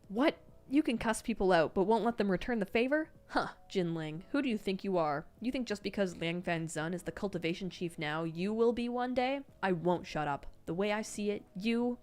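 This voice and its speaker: A woman's voice: mid-range voice, moderate pace, darkish tone, soft background music, lightly acted. A woman reading aloud, voicing a bratty, arrogant teenage boy bully in a sneering, combative way. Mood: taunting.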